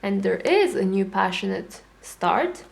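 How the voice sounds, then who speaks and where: A chatty young woman talks through a tarot reading in a loose, animated way. She slips into quick little voices for the people she is reading for, then settles back into her everyday conversational tone. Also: mid-range voice, gravelly. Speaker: tarot reader. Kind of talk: casual tarot reading to camera.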